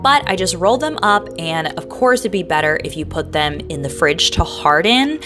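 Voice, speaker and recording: Woman vlogger, upbeat and chatty, slightly low pitch, narrating over faint music. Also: lively intonation, normal speed. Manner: chatty, upbeat, uses many fillers. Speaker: lunch prep vlogger.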